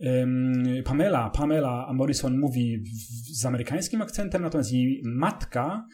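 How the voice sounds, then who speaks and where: A man co-hosting a casual, analytical film discussion, halting as he searches for words and corrects himself. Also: medium pitch, dark tone.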